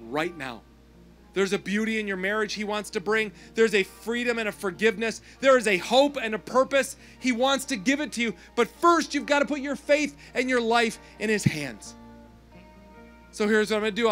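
A man preaching a sermon as pastor, impassioned, swinging from hushed tones to loud pleading at an outdoor service. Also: high voice. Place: outdoor service with people in parked cars.

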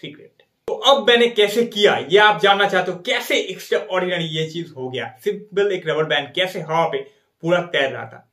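A man's voice: fairly high pitch, a bit bright. A man, presenting and explaining magic tricks step by step like a showy magician. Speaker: magician, video tutorial host. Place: small indoor studio with dark backdrop. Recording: roomy indoor echo.

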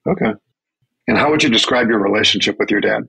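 A man hosting a podcast, reading his intro in a measured, announcer-like way and asking interview questions. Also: lowish voice, creaky, bright, forceful tone, breathy edge, poor audio. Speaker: podcast host.

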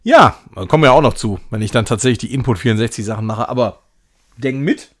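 Speaking quickly in a mid-range voice, a man jokes and chats through a game on his live stream. He's self-ironic and drifts into mock-grand English at times.

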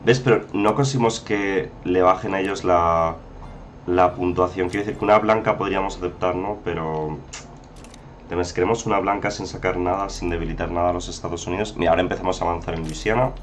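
A man's voice: deep voice, fairly even intonation, fast, slight background noise. A man giving chatty, casual commentary over a strategy game, often exclaiming and talking to viewers. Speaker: gameplay commentator.

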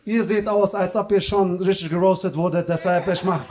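A male stand-up comedian doing teasing, loud crowd work in a live club, with a slang manner. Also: high-pitched, steady tone. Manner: teasing, loud, fast banter with slang fillers. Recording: live room with crowd laughter. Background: audience laughter.

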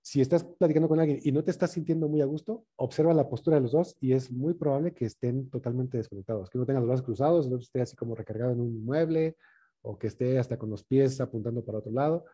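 A man leading a communication workshop in a conversational way, often checking in with quick tag questions. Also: mid-range voice, warm tone, husky.

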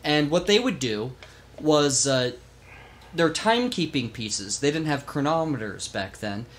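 A man hosting a casual history podcast, telling the story with animated emphasis and the odd swear word. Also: on the high side, measured pace. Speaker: podcast host.

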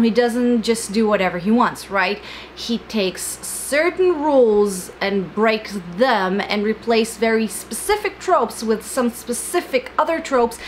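High-voiced young woman explaining to camera. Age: young adult. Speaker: book channel host. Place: small indoor room with bookshelves. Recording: fan hum in the background. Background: electric fan noise.

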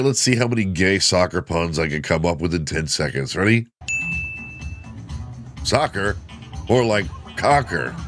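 Low-voiced middle-aged man trying not to laugh. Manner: trying not to laugh, breaking into chuckles mid-sentence. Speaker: host of a reaction video show. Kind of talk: casual comedic reaction commentary.

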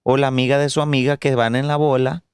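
A man's voice: mid-range voice, little pitch movement, fast, clear, resonant tone, dry recording, clean studio sound. A young man with a Mexican accent, co-hosting a casual, crude podcast chat, full of slang and swearing as he hands out advice. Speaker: podcast co-host.

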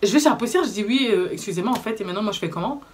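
A young woman with a Belgian French accent, telling a story to camera in casual vlog chat, animated and indignant, with slangy fillers. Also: mid-range voice, very fast. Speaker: vlogger.

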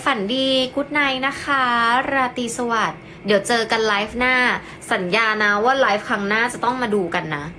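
A woman's voice: on the high side, normal speed, few pauses, pushed and bright, slight background noise, rough recording. A young woman from Thailand chatting casually on a phone live stream, thanking viewers and cooing affectionately over her cats.

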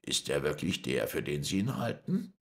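A man's voice: extremely low pitch, big pitch swings, exaggerated voice. A man reading an audiobook, voicing a cold, commanding older male scientist who speaks firmly and persuasively. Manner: firm, measured, persuasive. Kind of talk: audiobook character voice.

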